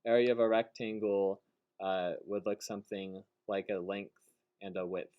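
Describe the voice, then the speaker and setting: A man teaching a math class, joking with students and then giving brisk, directive instructions. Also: fairly low pitch, level tone, clean tone, narrow, tinny audio.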